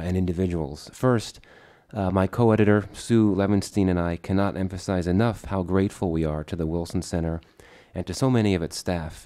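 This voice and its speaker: A man with a congested, slightly distorted voice from a head cold, giving formal, measured remarks as a speaker at a book launch panel. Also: low-pitched, warm tone. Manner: formal, measured thank-yous with occasional fillers. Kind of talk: prepared remarks at a panel event.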